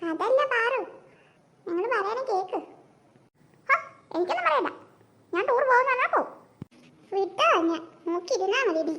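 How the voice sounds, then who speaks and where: A woman's voice: very high-pitched, animated, moderate pace, long pauses, fairly bright tone. A woman voicing a practical, teasing mother in a family cartoon. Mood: firm teasing.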